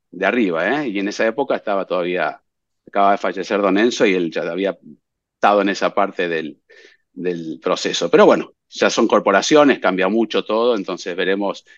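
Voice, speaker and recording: A man, co-hosting a podcast in casual chat, telling lively stories with many "eh" fillers and chuckles. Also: low-pitched, dry recording. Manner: animated storyteller, chuckles often, fillers like eh. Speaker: podcast co-host. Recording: dull dry lo-fi mic.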